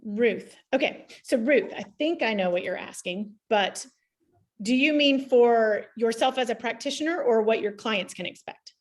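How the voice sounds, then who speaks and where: A woman's voice: fairly high pitch, normal speed. A woman answering a student's question in a live online class, talking casually and often restarting her sentences. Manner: chatty, self-interrupting, restarts sentences. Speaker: energy practitioner teaching a class. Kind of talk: live Q&A teaching, casual explanation.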